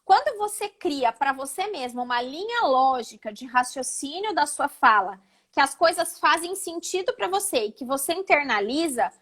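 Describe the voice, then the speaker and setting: High-pitched female oratory coach, didactic, shows intonations as she teaches, on a video call. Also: lively intonation, normal speed, a bit bright. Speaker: oratory instructor, guest speaker. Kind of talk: live online talk, teaching.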